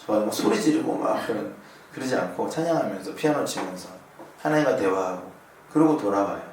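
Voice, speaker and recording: Speaking fast with lively intonation and a fairly low pitch, a pastor in his thirties preaches over a noisy background. He tells a personal story and puts questions to the congregation, his voice distant in a very echoey hall.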